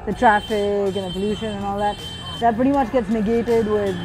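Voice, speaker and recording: A woman in her thirties, raised in Switzerland, talks about her work as a graffiti artist in a documentary interview. She speaks at an ordinary middle pitch and reflects as she goes, often restarting a phrase. Hip-hop music plays clearly underneath her. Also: fairly even intonation, a little fast, poor audio. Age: 30s. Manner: reflective, thinks aloud with small restarts.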